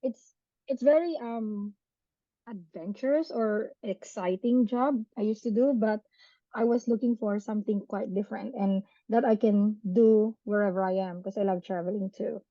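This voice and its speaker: A chatty, animated woman, a podcast guest who laughs often and adds tag questions. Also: mid-range voice, normal speed, dry recording, highs cut off. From Philippines. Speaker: podcast guest, business owner. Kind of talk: casual interview chat.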